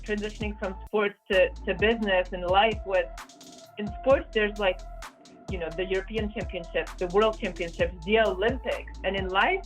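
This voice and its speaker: Soft music plays beneath a rough recording of this business consultant and former volleyball captain, a woman in her thirties from Poland who was raised in France. As an interview guest in casual talk, she's earnest, full of fillers, repeated words, and restarts, speaking steadily at medium pitch and moderate pace.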